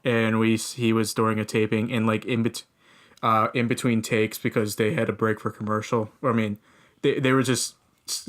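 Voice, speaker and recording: A young man co-hosting a comedy podcast, telling a long story in casual chat with many restarts. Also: on the low side. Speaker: podcast co-host.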